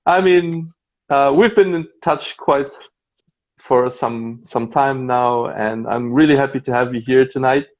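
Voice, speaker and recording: Heard through a muffled phone livestream, a mid-range male voice keeps a measured pace. He's a label host, half German and half Japanese with a German accent, leading a relaxed interview full of chatter, laughter, and filler words.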